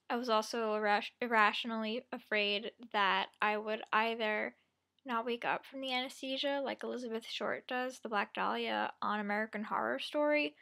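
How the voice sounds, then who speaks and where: A young adult woman with a fairly high, fairly bright voice and some vocal fry chats like a vlogger catching her viewers up. She rambles casually through a personal story, poking fun at herself and slipping into quotes of what she and others said.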